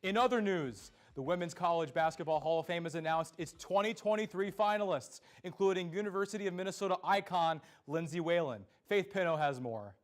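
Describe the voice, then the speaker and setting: A man's voice: high-pitched, fairly quick, few pauses. A young man hosting a student sports news show, speaking in an earnest, scripted anchor delivery. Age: young adult.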